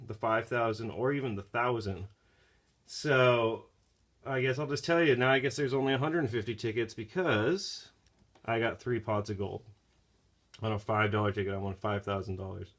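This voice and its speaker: Low-voiced man telling a casual story. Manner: slangy, swears casually, often quotes himself. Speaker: vlogger. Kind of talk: casual rambling storytelling to camera.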